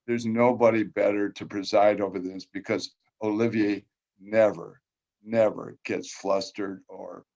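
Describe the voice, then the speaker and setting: A man's voice: on the low side, a little mellow. Rambling man on a muffled video call. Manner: folksy, rambling, anecdotal. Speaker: conference speaker. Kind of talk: conference talk over video call.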